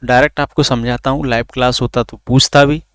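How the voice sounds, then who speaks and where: मुलायम साफ़ आवाज़ में पढ़ाता आदमी. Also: male voice, mid-range voice, steady tone, brisk, fairly bright tone, clean tone, no room sound, clean studio sound. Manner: asks questions then answers them himself; drags out vowels to demonstrate. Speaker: teacher. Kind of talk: recorded online lesson.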